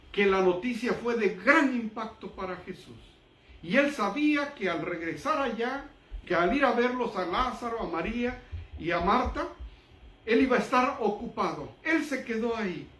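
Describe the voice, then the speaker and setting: A man preaching a sermon who reads Bible verses aloud and explains them, pausing for emphasis. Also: very high-pitched, expressive, fairly bright tone. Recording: echoey room, voice from a distance.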